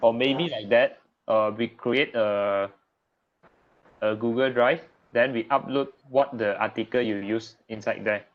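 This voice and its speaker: On an online group call, a young man with a Malaysian accent leads a casual student discussion, sounding tentative and tagging his phrases with "lah" and "ah." His mid-range voice has fairly even intonation and a measured pace. The call audio is dull and lo-fi.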